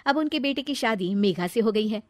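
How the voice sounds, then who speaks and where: A woman narrating a family story in a plain, steady manner. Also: a little high, moderate pace, no echo, clean studio sound.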